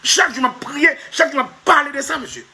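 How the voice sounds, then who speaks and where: Talking fast in a very high-pitched, sharp voice with vocal fry, a comedy vlogger delivers an emphatic, repetitive comic monologue. He frequently half-laughs and keeps directing remarks to "monsieur."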